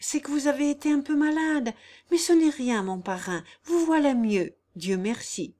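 A woman's voice: high-pitched, moderate pace, mellow, pitched above the performer's own voice, close to an everyday voice. A woman voicing a plaintive simple peasant girl. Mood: pleading. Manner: earnest, plaintive, rustic phrasing. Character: simple, devoted young peasant girl, tender and pleading. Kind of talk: audiobook character reading.

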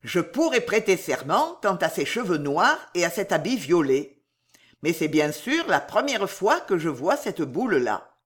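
A reader voicing a gruff, blunt young manservant who scolds and threatens loudly in an audiobook. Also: mid-range voice, big pitch swings, a little slow. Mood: wry. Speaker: character in an audiobook. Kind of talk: audiobook character reading.

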